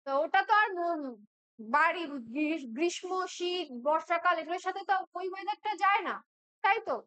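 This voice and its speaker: Woman teacher, west bengal accent, very high voice, explanatory, checks in often. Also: fairly bright tone. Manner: explanatory, keeps checking in with listeners; says English examples slowly and deliberately. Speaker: spoken English teacher. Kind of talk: classroom-style lesson explanation.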